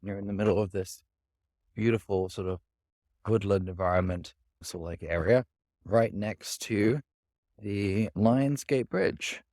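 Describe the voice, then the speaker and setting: A man vlogs to camera while walking through a city park, rambling and hedging with "sort of" and "kind of." His lowish voice is unhurried and a little mellow. The sound is studio quality with no echo.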